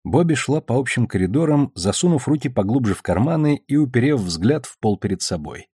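A man narrating a novel as an audiobook reader, in an even, measured way. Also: mid-range voice, breathy edge, dry recording, studio quality.

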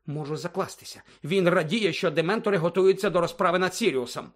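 A man's voice: high voice, fast talker, voice pushed up, close to an everyday voice. A man voicing an anxious, bossy schoolgirl in an audiobook, with an urgent, breathless delivery.

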